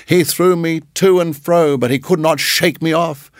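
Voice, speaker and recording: A man's voice: medium pitch, lively intonation, takes it slowly, gravelly, no echo, clean studio sound. A man voicing a brave, boastful young male mongoose in a storybook reading, taunting and fierce. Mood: triumphant.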